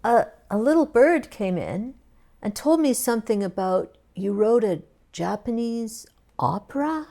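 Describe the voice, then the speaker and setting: A woman's voice: a little high, expressive, measured pace, gravelly, mellow. A woman hosting a casual podcast interview, nudging her guest along with playful, encouraging prompts. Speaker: podcast host.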